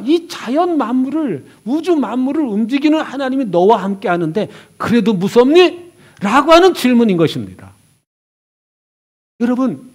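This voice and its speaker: A man, a pastor, preaching a sermon with expressive delivery, voicing God and Elijah in turn and swinging from hushed to loud. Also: extremely high pitch, breathy edge.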